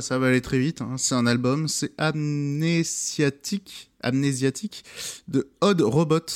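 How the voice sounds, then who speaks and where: Hesitant male co-host searching for words. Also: medium pitch. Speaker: podcast co-host. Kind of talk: casual podcast chat.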